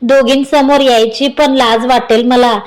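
A woman's voice: sits high, fairly even intonation, unhurried. A woman voicing a flustered, bashful young newlywed wife who scolds and coaxes her husband in a storybook reading. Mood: scolding.

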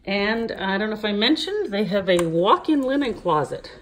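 A woman's voice: medium pitch, big pitch swings, normal speed, fairly bright tone, a little hiss or hum. A real estate agent walking through a large house, chatting as she points out rooms and getting a little out of breath. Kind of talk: walking house tour narration.

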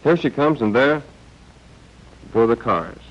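On this old film soundtrack, dull and band-limited, an American man voices a scripted 1940s training film. His mid-range delivery is slow yet animated, with a wry, understated tone, recorded as a film voice-over.

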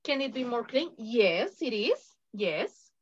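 A woman with a Latin American Spanish accent leads an online English grammar lesson, repeating example answers slowly and patiently. Her pitch is fairly high, her delivery very animated with a breathy edge, and the audio sounds muffled.

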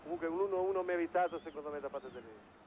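A man's voice: fairly high pitch, animated, rapid-fire. A man analysing play as a football co-commentator, hesitating and repeating phrases. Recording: dull lo-fi broadcast, faint stadium noise. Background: stadium crowd noise.

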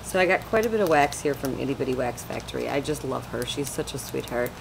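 A woman's voice: a bass voice, fast, creaky, background noise. A young woman chatting casually in a home vlog, rambling with lots of fillers, recorded on a desk webcam. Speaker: vlogger. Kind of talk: casual product haul chat. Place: small room at home, indoors.

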